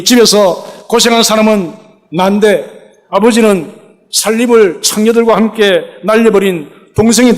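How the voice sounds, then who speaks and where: A man's voice: sits high, big-room sound, pitched above the performer's own voice. A man voicing a resentful elder son complaining indignantly to his father.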